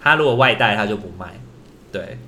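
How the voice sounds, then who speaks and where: A young man, casually telling a rambling, animated story as a podcast co-host. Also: lowish voice, brisk, a little hiss or hum.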